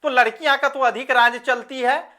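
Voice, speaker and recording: A woman's voice: high-pitched, steady tone, normal speed, sharp tone. A woman teaching a grammar lesson. She repeats her examples and keeps asking the listener questions.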